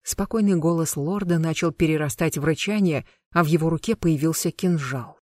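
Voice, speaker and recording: An audiobook narrator reading a dark fantasy story in a measured, even manner. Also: medium pitch, no echo, clean studio sound.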